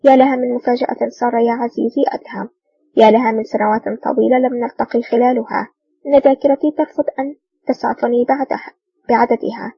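Woman reading an older ambassador: formal, friendly, husky, set back from a dull mic. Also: a little high, fairly even intonation, fast talker, dry recording. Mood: cordial. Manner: courteous, formal. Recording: dull distant dry recording.

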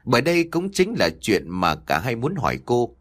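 A man narrating an audio story in a dramatic, expressive way. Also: medium pitch, moderate pace.

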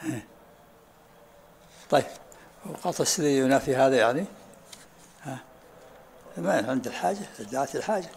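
Man, sheikh teaching a lesson, gravelly voice, unhurried, asks students to repeat. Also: medium pitch, animated, a little mellow. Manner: unhurried, often asks "ha?" to have things repeated. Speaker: sheikh teaching a study circle. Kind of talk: lesson commentary with questions and answers.

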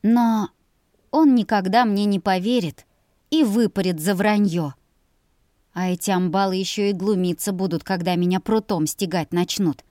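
A woman narrating a first-person audiobook story in an expressive storytelling manner. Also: medium pitch, moderate pace, dry recording, clean studio sound.

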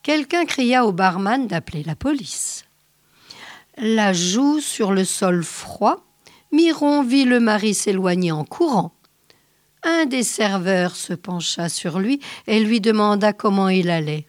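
A woman radio host reading a short story aloud in a slow, measured way. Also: mid-range voice, expressive, no room sound, studio quality.

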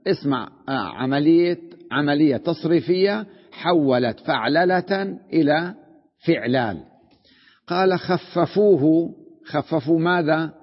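A man with a somewhat high voice lectures on grammar, patiently repeating each term and asking his students whether they follow. His voice carries a long reverb from a large hall, and the recording sounds muffled. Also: expressive, a little slow. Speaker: sheikh teaching Arabic grammar. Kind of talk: classroom lecture on morphology.

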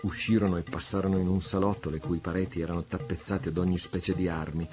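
Deep, flat-voiced man reading a novel. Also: music in the background. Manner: measured, dramatic reading. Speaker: audiobook reader. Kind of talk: literary audiobook narration.

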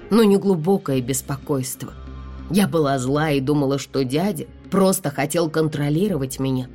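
Woman narrator, low voice, expressive, dramatic audiobook reading, faint music behind. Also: vocal fry. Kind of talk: first-person audiobook narration.

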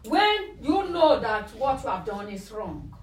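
A woman's voice: fairly high pitch, sing-song, a little slow. Woman preaching in a roomy hall. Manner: emphatic, stretches out quoted scripture. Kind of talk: sermon with live translation. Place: church hall. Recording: roomy, distant mic, faint hum.

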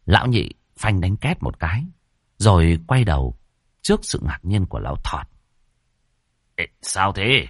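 A man narrating a comic ghost story in an expressive way. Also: sits low, moderate pace, slightly rough, dry recording, clean studio sound.

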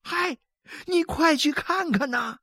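An excited townswoman from a story calls out in a high, urgent voice, as a woman reader puts her on. Her words tumble with lively jumps in pitch. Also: takes it slowly, creaky, no room sound, studio quality, heavily acted. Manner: urgent, breathless calling.

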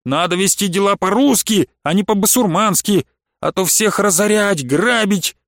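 A man's voice: sits high, normal speed, no room sound, clean studio sound, pitched above the performer's own voice. A man voicing a wily older merchant who haggles, pleads and blusters. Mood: indignant. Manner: bargaining, pleading, bursts of shouting.

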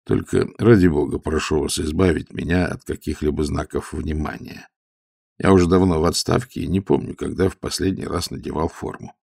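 A man voicing a dignified elderly retired rear admiral who speaks quietly and with calm composure. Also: rumbling low, brisk, vocal fry, no echo, studio quality, full character voice.

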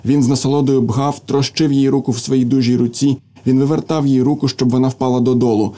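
A man narrating a literary novel as an audiobook, in a steady, even manner. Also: mid-range voice, fast.

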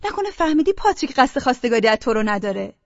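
A woman's voice: a little high, big pitch swings, dry recording, muffled recording. A woman as a scornful quarrelsome older sister. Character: sharp-tongued young woman, older sister.

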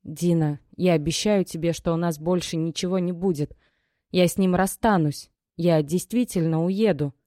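A woman voices a guilty young woman in an audiobook, low-pitched and quiet, speaking in soft, apologetic tones. The sound is close and dry, with no room around it. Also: moderate pace, no echo, natural voice. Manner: quiet and conciliatory. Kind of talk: audiobook character voice.

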